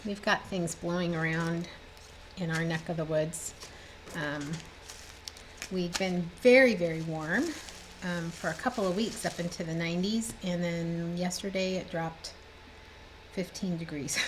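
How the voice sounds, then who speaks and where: A cross-stitch designer and vlogger in her fifties, a little congested, chats cheerfully and rambles while displaying her projects in a bookshelf-filled room at home. Her pitch is fairly low, her tone steady, her pace moderate. The poor recording has a little hiss or hum.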